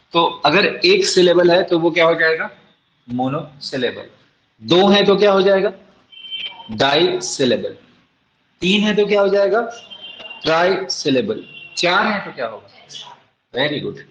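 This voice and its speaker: A man teaching a class in a roomy, echoing space, his voice sitting a little high. He speaks, fires questions at the students and answers them himself, and spells words out letter by letter. The sound is dull and lo-fi. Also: a bit bright. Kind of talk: classroom lecture. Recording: echoey room, dull lo-fi sound.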